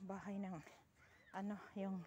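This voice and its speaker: A woman's voice: mid-range voice, monotone, measured pace, mellow, dull audio, slight background noise. A woman vlogging outdoors on a farm hillside, chatting with her viewers and exclaiming often. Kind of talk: casual vlog chat to viewers.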